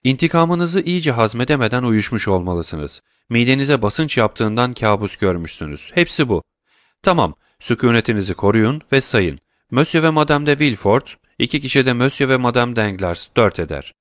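A man's voice: medium pitch, lively intonation, no room sound, natural voice. A man playing a cool, ironic count. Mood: calmly mocking. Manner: measured, dry, lightly mocking. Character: cool, commanding middle-aged count, ironic.

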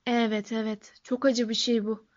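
A woman voicing a stern older witch professor who speaks in a brisk, hushed whisper, in a storybook reading on a dull, lo-fi recording. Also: fairly high pitch, flat delivery, lightly acted.

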